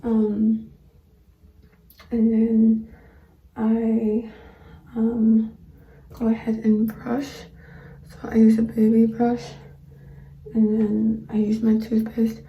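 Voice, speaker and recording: A woman talking casually to camera in a vlog, explaining things in a halting way with pauses mid-sentence. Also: fairly high pitch, monotone, lo-fi sound. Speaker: vlogger. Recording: roomy echo, distant microphone.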